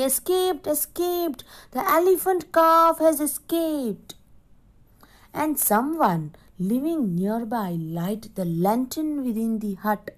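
A woman teacher reads a storybook aloud in a slow, careful way, pausing often to define words for young pupils. Her voice sits a little high, and she keeps the pace unhurried so the class can follow. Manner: slow and explanatory, stops to define words for children. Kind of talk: reading a story aloud in an English lesson.

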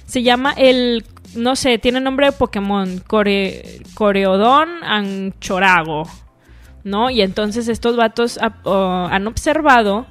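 A woman's voice: a little high, takes it slowly. A young woman with a Mexican accent hosting a casual solo radio show, chatty and full of slang and swearing. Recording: music playing faintly behind.

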